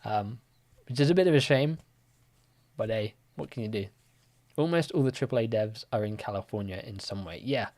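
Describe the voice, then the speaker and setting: This chatty young man hosts a live quiz stream, reading viewer comments aloud and answering them with plenty of fillers. His voice is fairly low and his pace moderate, and the whole thing feels casual and relaxed.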